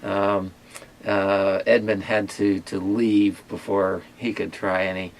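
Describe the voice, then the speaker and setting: A man hosting a casual food tasting video, talking in a halting way with many pauses and fillers. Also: low voice, little pitch movement, gravelly, a little hiss or hum. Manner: hesitant, many fillers and restarts. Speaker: ministry owner and host. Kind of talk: casual chat and taste test.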